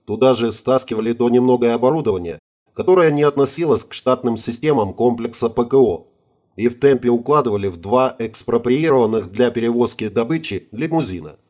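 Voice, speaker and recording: A man reads scripted audiobook narration at a steady, even pace. His voice sits at an ordinary middle pitch for a man, with a calm, measured delivery.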